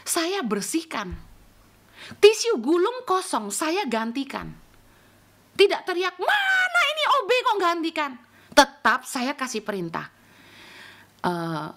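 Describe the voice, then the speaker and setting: A middle-aged woman pastor, preaching a sermon and acting out bossy shouts in a high voice.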